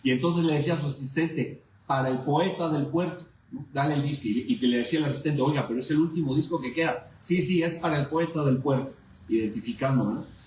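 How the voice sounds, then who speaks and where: A man's voice: fairly high pitch, fairly quick, darkish tone, slight background noise. Man, reminiscing poet, roomy echo. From Veracruz, Mexico. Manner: reminiscent, repeats words while searching for them. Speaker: poet and guest. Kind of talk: conversational interview, poetry recital.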